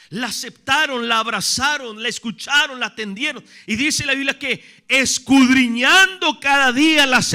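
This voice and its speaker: A man preaching a sermon as pastor. He asks rhetorical questions, calls his listeners brother, and swings between loud emphatic lines and low, quiet ones.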